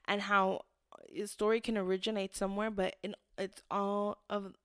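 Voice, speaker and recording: A woman's voice: medium pitch, little pitch movement, moderate pace, clean tone, no echo, studio quality. Rambling young woman telling a spooky tale. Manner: rambling storyteller with many fillers and acted-out quotes. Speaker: podcast co-host. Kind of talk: casual storytelling chat.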